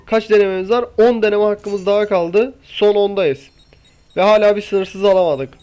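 High-voiced young man pleading with a game. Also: steady tone, normal speed, a little mellow, clear, resonant tone. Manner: impatient pleading, coaxing the game. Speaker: gaming YouTuber. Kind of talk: casual gameplay commentary.

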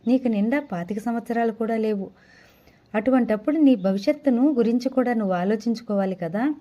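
A woman's voice: fairly high pitch, fairly quick, dark tone, lo-fi sound, close to an everyday voice. A woman reading the part of a kindly woman doctor who explains things patiently and reassuringly.

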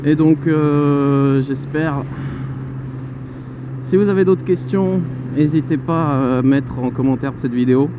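A man's voice: a little high, slow. A man in his twenties chatting and joking while he rides, often exclaiming in mid-sentence. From Paris suburbs. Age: 20s. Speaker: motovlogger. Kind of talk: casual vlog while riding a motorcycle. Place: motorcycle on city roads. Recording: lo-fi helmet mic with traffic noise. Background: traffic and horns.

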